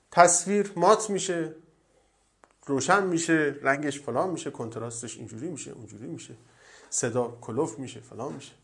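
A man giving a religious lecture, telling stories and often dropping to a soft, low voice. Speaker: cleric.

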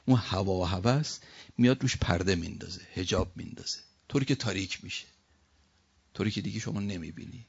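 Male preacher, low husky voice, storytelling sermon, slow verse recitation, dull lo-fi recording. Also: darkish tone. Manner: storytelling, rising to emphatic peaks; recites Arabic verses slowly.

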